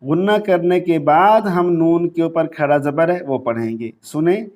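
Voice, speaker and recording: A male Quran teacher leading a tajweed lesson. He explains rules quickly in Urdu with a Pakistani accent, then recites the Arabic verses slowly in long, drawn-out tones. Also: a little high, a little mellow.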